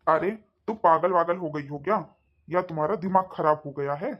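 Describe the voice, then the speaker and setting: A short-tempered young husband snaps and scolds in this cartoon, as a woman voices him. The voice sits low and gruff. The recording is dull and lo-fi. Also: normal speed. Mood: irritated. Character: irritable young husband heading to the office. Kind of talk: cartoon voice acting. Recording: dull lo-fi sound.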